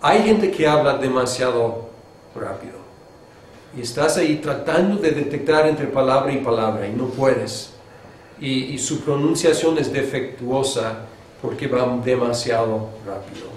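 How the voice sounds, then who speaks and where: A man from Mexico teaching a seminary class on preaching, talking conversationally and showing pitch and pace changes with his own voice. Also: unhurried. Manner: conversational, with fillers and restarts. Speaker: homiletics teacher. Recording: echoey lecture room with faint background noise.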